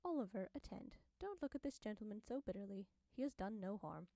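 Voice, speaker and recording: A woman narrator voicing a poised, coolly mocking young wife with a bright, lilting voice. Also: medium pitch, expressive, a little fast, dry recording, close to an everyday voice. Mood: mocking gaiety.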